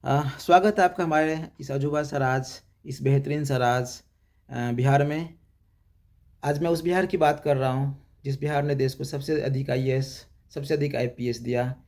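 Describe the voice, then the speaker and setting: A man's voice: medium pitch, steady tone, moderate pace, darkish tone. A young man from Bihar hosting his own channel, delivering an impassioned political monologue in repeated rhetorical lines. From Bihar, India. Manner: rhetorical and repetitive, building emphatic lists. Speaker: YouTube channel host.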